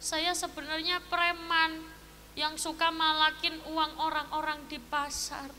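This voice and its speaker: A woman's voice: sits high, level tone, unhurried, pushed and bright, long reverb tail, slight background noise. Woman playing a contrite market thug. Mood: humble. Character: remorseful male market thug, middle-aged.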